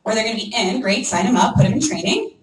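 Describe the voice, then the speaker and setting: Energetic woman trainer in echoey room. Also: mid-range voice, quick pace, background noise. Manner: energetic, acts out prospects' voices, frequent "okay?" and "right?". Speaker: network marketing trainer. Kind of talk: live training talk to a room. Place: meeting room with an audience. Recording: echoey room, mic from far off.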